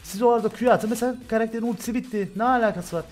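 Young man, gaming streamer, excitable, fast-talking, swears at the game. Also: high-pitched, faint music behind. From Turkey. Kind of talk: excited live gameplay commentary.

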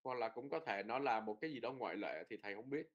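A man's voice: mid-range voice, animated, fast talker, lo-fi sound. A man teaching a pronunciation lesson, explaining rules and repeating drill words with frequent tag words. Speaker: Norwegian language teacher.

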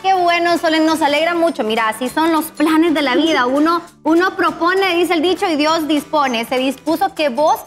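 A woman hosts a TV cooking show from a studio set. Her voice sits high, and her delivery is lively and welcoming. Music plays softly under her. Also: moderate pace, hardly any pauses. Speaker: TV host. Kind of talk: upbeat TV show presenting.

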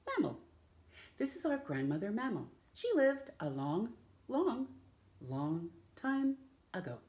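A middle-aged woman with a medium-pitched, darkish voice reads a picture book slowly and very animatedly to young children. Hosting storytime in a small room at home, she dramatically draws out words and asks her listeners questions.

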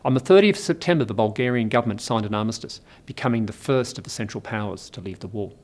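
A middle-aged man with an Australian accent, delivering a scripted history lecture in a measured, precise way, recorded in a studio. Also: on the low side, lively intonation, a little mellow.

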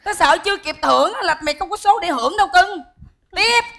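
In a stage comedy sketch, a bossy, sharp-tongued woman performer. She fires off quick, high-pitched exclamations and teasing jabs. Her delivery stays brisk and mocking. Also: animated, gravelly, exaggerated voice. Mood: scolding banter. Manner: rapid, teasing, exclamatory, bickering. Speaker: comedic lead.

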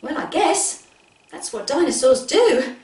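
A high-voiced woman plays kids show host, exaggerated and playful as she talks to little ones. Her delivery is slow and sing-song, moving between storytelling and sing-along. She is heard from a distance in a roomy living room. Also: very animated, darkish tone. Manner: exaggerated, playful, addresses young children directly. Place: living room with wooden floor. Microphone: camera a few metres away. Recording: roomy, distant mic, music behind.

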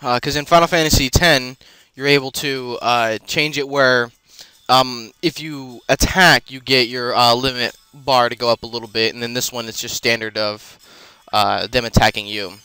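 A man's voice: mid-range voice, steady tone, moderate pace, few pauses, pushed and bright, clear, resonant tone, no room sound. A man casually commenting while he plays a video game, rambling with many fillers and self-corrections as he explains what he is doing. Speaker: let's play host.

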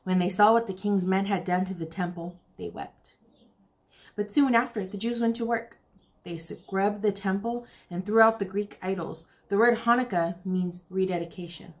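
An American woman around her thirties hosts a children's storytime, reading a picture book aloud expressively to young listeners. She speaks at medium pitch and normal speed.

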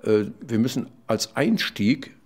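An older man, a psychology professor, explaining at length in an interview, with many fillers and restarts and a louder voice when he quotes others. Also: mid-range voice, a little slow, husky. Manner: animated, loud when quoting others. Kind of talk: conversational explanation.

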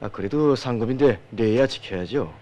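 A man's voice: mid-range voice, normal speed, dull audio, lightly acted. An actor with a North Korean accent playing an earnest, encouraging male coach in his thirties in a film drama, speaking instructively. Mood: reserved, formal. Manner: animated, instructive.

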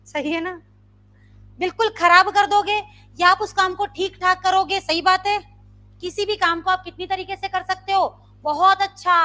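A woman Sanskrit teacher, teaching a live online grammar class and quizzing her students with repeated questions. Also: very high-pitched. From India. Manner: quizzing students with repeated questions, demonstrating loud and soft sounds.

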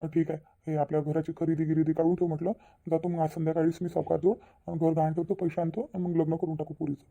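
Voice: mid-range voice, little pitch movement, fast, vocal fry, warm tone. A voice actor playing a stern, protective middle-aged village father in a cartoon, with a habit of repeating his orders firmly. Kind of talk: cartoon voice acting.

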